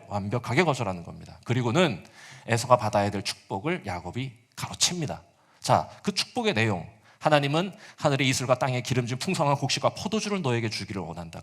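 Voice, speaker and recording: A man's voice: mid-range voice, a bit bright. A male pastor preaching a sermon, retelling a story with casual asides and acted-out quotes.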